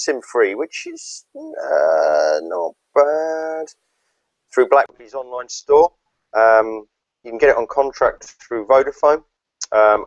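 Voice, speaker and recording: Man, mid-pitched voice, tech podcast co-host, lists specs, dry lo-fi call sound. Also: no echo. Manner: reads out specs in a list, many fillers. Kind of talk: casual tech chat. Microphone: online video call.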